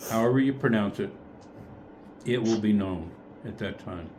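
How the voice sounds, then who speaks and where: A low, mellow-voiced man leads a casual group Bible study. He thinks aloud, tentative and self-correcting. A faint hiss sits behind his voice. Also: normal speed.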